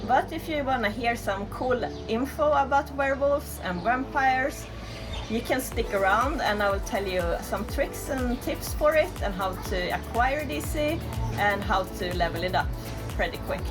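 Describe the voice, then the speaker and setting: A young Swedish-accented woman, a gaming YouTuber, chats with enthusiasm in a casual game guide recorded on an outdoor balcony at a tropical resort. Her voice is fairly high and a little slow, with music playing underneath.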